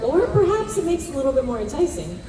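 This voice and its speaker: A woman with a high, very animated voice co-hosts a live stage show from a script. She sounds distant and echoey on a PA, with loud music and a crowd. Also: fast talker. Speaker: event co-host. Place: event stage.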